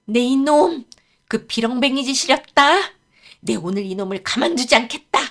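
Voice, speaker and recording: A woman voicing a wild-tempered young daughter in a folktale, shouting in shrill outbursts. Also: sing-song, moderate pace, husky. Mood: furious.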